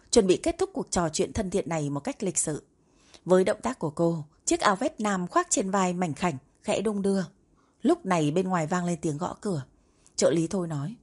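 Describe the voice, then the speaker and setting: Low, husky woman narrating a novel. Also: a little mellow. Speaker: audiobook narrator. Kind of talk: scripted narration of a romance novel.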